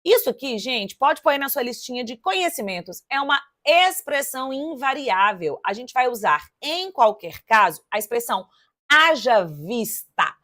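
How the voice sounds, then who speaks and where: Lively, chatty woman teacher. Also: high-pitched, moderate pace, few pauses. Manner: lively and chatty, addressing students directly, counting syllables aloud. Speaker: Portuguese teacher. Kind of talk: exam-prep lesson, solving test questions aloud.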